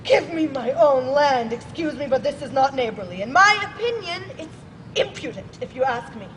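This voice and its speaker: A woman's voice: high-pitched, animated. Stubborn young noblewoman, read by a woman outdoors, noisy. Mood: indignant. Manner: stubborn, quick to shout. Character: quarrelsome young woman, landowner's daughter. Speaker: student actor. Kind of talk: live outdoor play reading. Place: outdoor courtyard.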